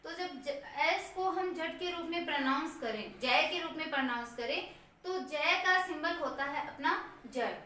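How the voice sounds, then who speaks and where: High bright woman teacher in echoey room. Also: distant mic, slight background noise. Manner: repeats words slowly for drill. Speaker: English teacher. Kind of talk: Hindi-language pronunciation lesson.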